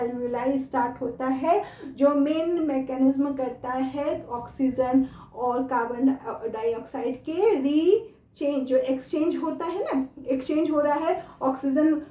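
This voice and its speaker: In an echoey classroom, a woman with an Indian accent teaches biology to school students in a high-pitched, mellow voice. She asks questions and repeats key terms as she lectures.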